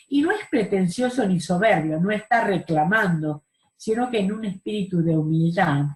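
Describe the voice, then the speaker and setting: A woman's voice: mid-range voice, reverberant, rough recording. A woman teaching a Bible study class over a video call, explaining verses and asking the group questions. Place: home room on a video call.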